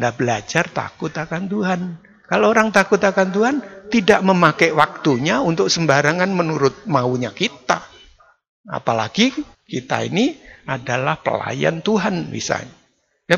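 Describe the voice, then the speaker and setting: Older male pastor, gravelly voice, slightly high, dull lo-fi stream sound. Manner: conversational preaching, lively pitch jumps. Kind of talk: sermon. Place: church, online service.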